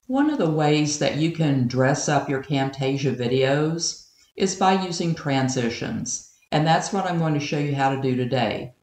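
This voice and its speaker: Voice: mid-range voice, expressive, normal speed, a little mellow. A tutorial presenter whose voice sounds hollow and echoey, like they are talking from inside a tunnel or underwater. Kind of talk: tutorial narration.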